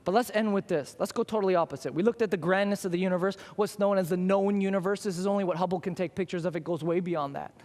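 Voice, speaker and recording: High-voiced pastor preaching emphatically. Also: male voice, fast, few pauses, darkish tone, long reverb tail. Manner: emphatic, repeats phrases, rhetorical questions. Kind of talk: sermon. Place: church sanctuary.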